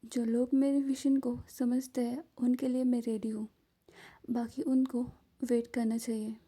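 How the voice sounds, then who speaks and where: A woman voicing a self-assured young female billionaire with a sharp, dismissive way of talking. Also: on the high side, flat delivery, unhurried, slightly rough.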